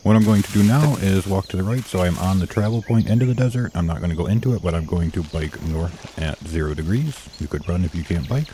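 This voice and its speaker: A man's voice: low-pitched, expressive, fast talker, hardly any pauses, warm tone, slight background noise. A man narrating an unscripted, step-by-step game walkthrough in a matter-of-fact, instructive way, describing each action as he does it. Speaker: audio game guide narrator. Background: computer game sounds and ambience.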